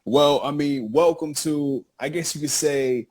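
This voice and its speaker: Animated hype co-host man. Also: a little high, a little slow. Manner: animated, hype, repeats phrases. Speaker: co-host introducing the show. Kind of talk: casual podcast chat.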